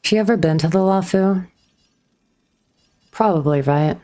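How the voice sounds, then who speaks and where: A woman's voice: on the low side, a little slow, warm tone. A woman streamer chatting casually with her viewers as she plays, a little awkward, answering chat on a streaming microphone.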